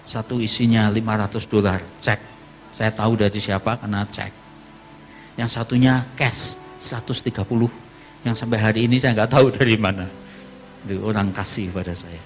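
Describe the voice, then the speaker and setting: A pastor from Java preaching a sermon and telling a personal testimony, his voice jumping high when he quotes people, with frequent laughter. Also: moderate pace, soft background music. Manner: storytelling, animated voice jumps high for quoted speech, laughs often.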